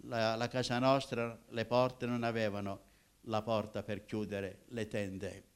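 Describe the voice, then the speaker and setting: An older man from Apulia, a minister giving his personal testimony in an emotional way, swinging from loud cries to hushed tones. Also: fairly low pitch, level tone, measured pace, clean tone. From Apulia, southern Italy.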